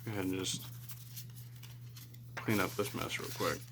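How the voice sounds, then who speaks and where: A man's voice: sits low, steady tone, normal speed, noisy background. A man chatting casually and unscripted as he hosts a card-pack opening video, musing in a rambling, self-deprecating way. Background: cards being shuffled.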